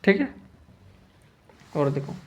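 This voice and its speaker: A man teaching spelling in a lesson, repeating each word slowly and checking in with the listener. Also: dull audio.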